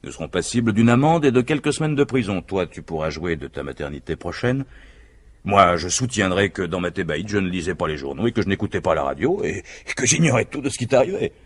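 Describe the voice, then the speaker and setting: This performer portrays a scheming, self-assured husband from a vintage French radio mystery, pressing his point through husky, forceful speeches. His low male voice is very animated and quick, eager and boastful in mood.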